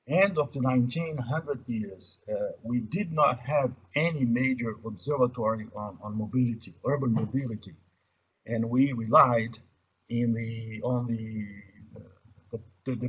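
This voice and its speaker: A very husky, breath-roughened man, a native Portuguese speaker with a Brazilian accent, presents as coordinator of a mobility observatory in an online webinar. His mid-range voice is halting, often repeating words while searching for phrases, and the audio is somewhat muffled and lacking treble.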